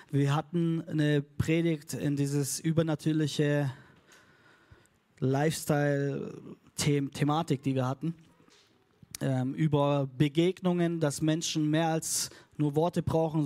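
A man's voice: a little high, dark tone. A man preaching a casual, upbeat sermon to a congregation, tossing in English phrases and leading call and response. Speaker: pastor. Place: church hall before a congregation.

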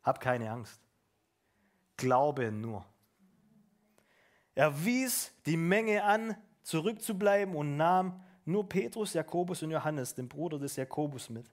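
A man who is a pastor, preaching an animated, casual sermon with asides to the congregation. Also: a little high.

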